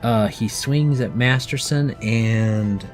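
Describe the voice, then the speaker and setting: A man's voice: medium pitch, slow, music in the background. Patient father running a tabletop game. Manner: patient, explains rules, many fillers. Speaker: game master. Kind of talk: narrating a tabletop game for a child.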